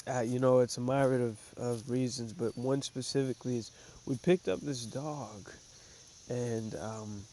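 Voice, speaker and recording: With a warm, mid-range voice and fairly even intonation, a trading show host speaks at a measured pace, a little stuffy and congested from a cold. His casual commentary rambles with fillers and restarts, and slight background noise is audible.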